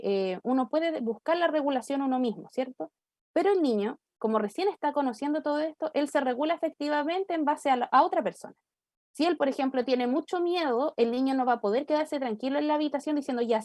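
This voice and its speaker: Chilean woman guest, child development explainer, fairly high voice, dry close sound. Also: brisk, a little mellow, no room sound. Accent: Chilean Spanish. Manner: explanatory, acts out a child's words. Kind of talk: church talk show discussion.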